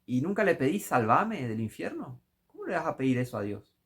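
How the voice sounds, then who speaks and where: A man with a Rioplatense Spanish accent preaching a critical sermon commentary, scolding and rising to impassioned shouts. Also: medium pitch, sing-song, a little fast, slightly rough.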